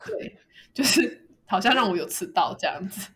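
A woman co-hosting a casual podcast chat, telling a story in an animated way and laughing often. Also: medium pitch, normal speed. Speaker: podcast co-host.

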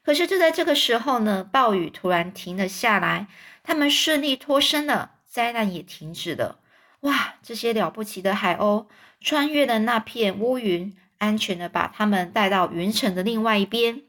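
Woman storyteller reading to kids, gentle, pauses to explain words. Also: mid-range voice, lively intonation. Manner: gentle, with fillers and restarts. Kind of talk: reading a children's book aloud.

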